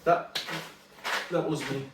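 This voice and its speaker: A man's voice: slow, background noise. A man with a Yorkshire accent, co-hosting a snack taste test and dropping dry one-liners. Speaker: co-host of a cooking channel. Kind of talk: casual chat during a taste test. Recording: echoey room, mic at a distance.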